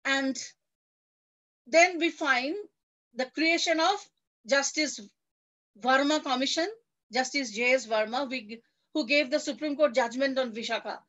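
A middle-aged woman giving an academic lecture, halting often with fillers and restarts. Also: high-pitched, a bit bright, lo-fi sound. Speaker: guest lecturer.

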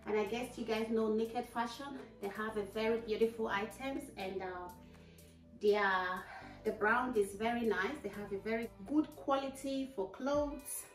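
A woman's voice: a little high, measured pace, faint music behind. A woman vlogger chatting through a casual try-on haul, enthusiastic about the clothes and tagging a questioning "okay?" onto her sentences. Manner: chatty, often adds a questioning "okay?" at the end of phrases; switches to voice-over narration partway.

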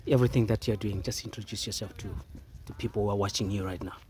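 A man's voice: on the low side, steady tone, fast talker, dark tone, slight background noise. A man hosting a casual vlog, interviewing a grower outdoors and chatting to the camera, often echoing answers back. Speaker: video host and interviewer. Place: outdoors at a plant nursery.

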